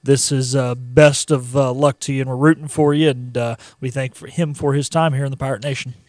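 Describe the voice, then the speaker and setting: A man's voice: mid-range voice, fairly even intonation, fairly quick, darkish tone, no echo. A man co-hosting casual sports talk on the radio, conversational and chummy as he gives his opinions.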